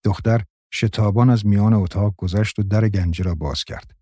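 A man reading a novel aloud as audiobook narration, in a measured, solemn way. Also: fairly low pitch, steady tone, warm tone, no room sound, clean studio sound.

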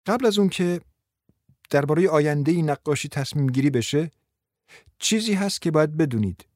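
A man's voice: a little high, animated, darkish tone, no echo, clean studio sound, close to an everyday voice. A man voicing a young woman with a thick French accent who speaks earnestly for her grandmother.

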